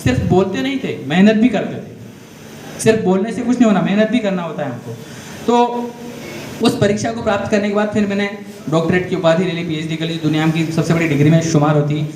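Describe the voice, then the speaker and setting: A man with a high, darkish voice and a brisk pace motivates school students with a talk on career guidance. He frequently asks the class questions directly, tells stories, and explains step by step. It's recorded in an echoey room with faint background noise.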